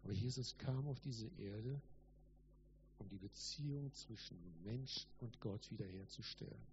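A man's voice: fairly low pitch, unhurried, highs cut off, background noise. A man preaching a Christmas sermon in an earnest, emphatic way with repetition for stress. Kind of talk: Christmas sermon with read-aloud story.

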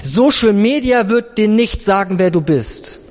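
High-voiced impassioned preacher in an echoing hall. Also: male voice, expressive, a little slow. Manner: impassioned, piles up repeated phrases. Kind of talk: sermon. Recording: long hall reverb, dull lo-fi sound.

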